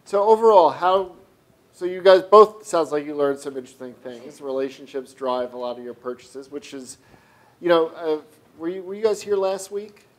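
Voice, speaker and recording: A man leading a classroom workshop, giving quick instructions and prompting students with questions in a conversational way. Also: on the high side, animated.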